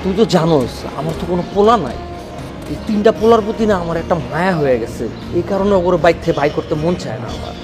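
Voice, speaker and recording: A hot-tempered landlord. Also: male voice, high-pitched, animated, very fast. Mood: bossy. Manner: scolding, shouty. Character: older male landlord, hot-tempered but soft-hearted. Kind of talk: TV comedy drama. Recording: music bed under dialogue.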